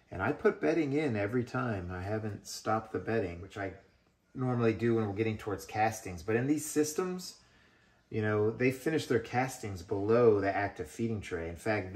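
A man with a deep, low voice talks in a relaxed, hands-on way as he works through a compost bin. His voice bounces around an echoey room. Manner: relaxed explaining while digging through a worm bin. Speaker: worm farming channel host. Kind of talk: casual hands-on demonstration.

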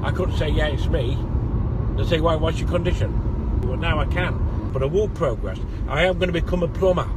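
A man's voice: fairly high pitch, noisy background. A middle-aged man vlogging from inside a car on a phone held at arm's length, stammering and repeating words as he talks. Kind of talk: casual selfie vlog.

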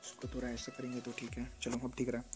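A man walks through photo edits in a quick, casual tutorial, talking fast in a flat, even tone. He keeps checking in with the listener as he goes, with soft music playing underneath. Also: medium pitch. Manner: explains step by step, often checks in with "theek hai na". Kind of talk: casual screen-recorded tutorial.

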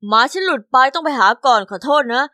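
Woman doing teenage boy, gentle, apologetic, evasive, high bright voice, storytime. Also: expressive, quick pace, no room sound, clean studio sound. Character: friendly, evasive teenage boy who always cancels.

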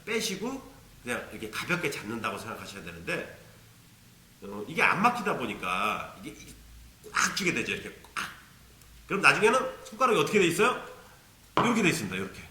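A man's voice: on the high side, sharp tone, echoey room. A man teaching a beginner ocarina lesson, patiently explaining and demonstrating tonguing syllables aloud. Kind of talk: instructional video lesson.

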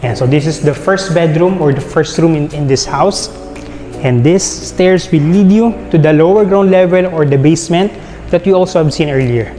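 A man's voice: on the high side, normal speed, a little hiss or hum. A man with a Filipino accent walking through a house for sale, listing its features in a chatty guided-tour way. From Philippines. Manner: walking while narrating, listing features with frequent "yan" and "no" tags. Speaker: real estate tour guide. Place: large empty house, indoors. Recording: echoey rooms with soft background music.

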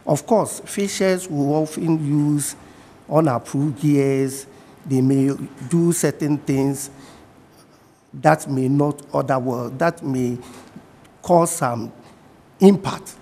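Ghanaian man with a fairly high voice. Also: mellow, long reverb tail. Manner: measured, repeats key points. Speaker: fishing industry guest. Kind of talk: TV studio interview. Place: TV studio.

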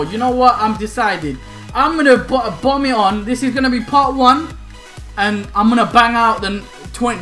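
Here a hyped young gamer with a bright, very high-pitched male voice rips open packs, shouting, laughing and bantering in slang. This gaming YouTuber records in a small room at home, faint music audible behind him.

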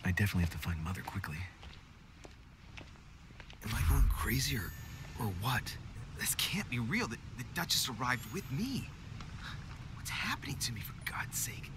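A man's voice: mid-range voice, very animated, moderate pace, pauses often, close to an everyday voice. An actor playing a young male investigator in a game, earnest and slightly anxious. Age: young adult. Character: young male investigator Louis, nervous yet clever. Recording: noisy game audio.

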